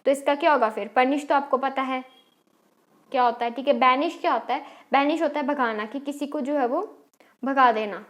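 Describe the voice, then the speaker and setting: High-voiced Indian teacher woman quizzing. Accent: Indian English. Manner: explains step by step, quizzing the class with quick questions. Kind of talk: exam-prep English lesson.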